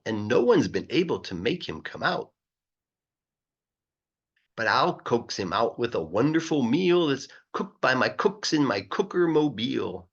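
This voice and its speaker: An English teacher reads a rhyming children's book aloud, playful and emphatic. His mid-pitched, rough, husky voice swoops up and down with lots of animation, and the recording sounds a little dull.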